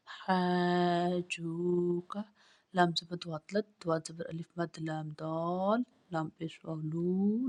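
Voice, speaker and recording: Slow, flat-voiced woman Quran teacher. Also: fairly low pitch. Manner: slow, careful, drawn-out recitation. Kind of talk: spelling out Arabic words letter by letter.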